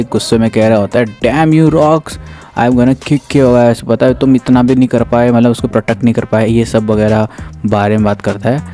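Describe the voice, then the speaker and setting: A man's voice: lowish voice, mellow. A man casually retelling a manga chapter, talking to the listener like a friend. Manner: chatty, keeps addressing the listener as brother.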